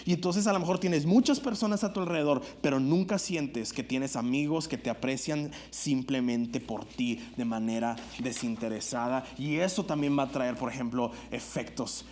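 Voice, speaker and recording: A man's voice: mid-range voice, normal speed, few pauses, a little mellow, slight background noise. A man preaching an earnest sermon in a church, climbing to emphatic peaks and stumbling over restarts and filler words.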